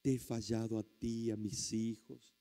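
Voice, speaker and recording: A preacher putting on a pleading, hushed rich husband. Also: male voice, on the low side, level tone, unhurried. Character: tearful rich husband begging for baptism.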